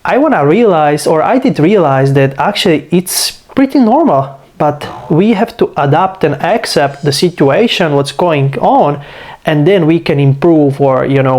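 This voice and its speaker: With a fairly high, slightly mellow voice and lively intonation, this channel host talks at a normal pace. He's a Slovak man in his twenties, a bit under the weather, drifting through a casual vlog in accented English and peppering it with "you know" and "like."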